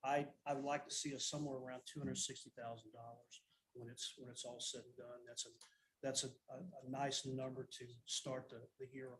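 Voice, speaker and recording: A man, a school nutrition director, presenting a financial report at a school board meeting in a steady, matter-of-fact way, often restarting his sentences. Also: medium pitch, a little fast, slight background noise, rough recording.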